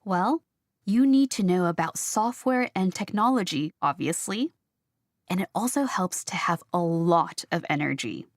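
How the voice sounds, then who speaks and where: A woman speaking as a graphic designer in a scripted textbook interview, explaining her work clearly. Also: fairly low pitch, dry recording, clean studio sound.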